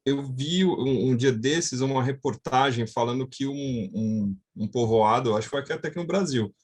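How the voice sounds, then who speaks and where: A man making hesitant, halting comments as a participant in an online class over a video call. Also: medium pitch, a little mellow.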